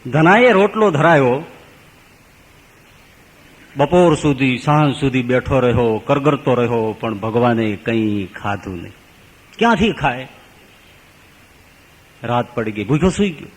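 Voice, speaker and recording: A male swami gives a storytelling sermon. He tells it dramatically and swings between loud and hushed. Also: mid-range voice, expressive, unhurried, long pauses. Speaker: swami preacher. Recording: hall with long reverb.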